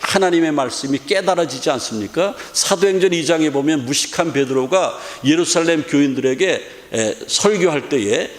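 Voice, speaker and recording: A man's voice: on the high side, expressive, moderate pace, hardly any pauses. A middle-aged man preaching a sermon as pastor, emphatic and full of rhetorical questions. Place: church sanctuary. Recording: echoey church hall with long reverb.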